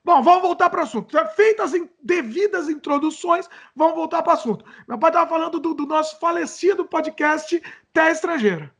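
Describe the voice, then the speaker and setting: A young man with a Brazilian accent and a strikingly high voice hosts a casual podcast. He talks with lively energy, keeps the jokes coming and pokes fun at himself. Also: brisk, hardly any pauses. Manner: playful, jokey, self-mocking. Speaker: podcast host.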